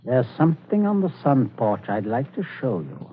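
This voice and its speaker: A noisy, tinny 1940s radio recording captures an actor as a middle-aged father, outwardly friendly yet coldly calculating and menacing. His mid-range voice swings widely in pitch, close to an everyday voice, deliberate but stammering when flustered.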